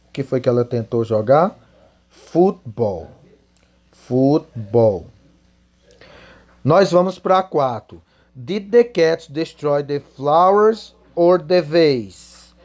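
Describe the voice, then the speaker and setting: Slow, mellow teacher man. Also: medium pitch. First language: Portuguese. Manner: spells out English answers word by word, then translates. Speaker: English teacher. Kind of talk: slow classroom explanation.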